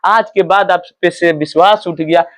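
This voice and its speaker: A grieving village mother from a storybook lesson, wailing and pleading in a high voice, as a man teacher reads her part. Her lines come out loud and raw with grief. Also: normal speed. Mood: bitter grief.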